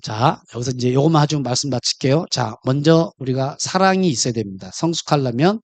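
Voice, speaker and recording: A man preaching a sermon with a lively, swinging pitch. He keeps firing questions at the congregation. His voice sounds close and dry, with no room echo. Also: brisk. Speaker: pastor.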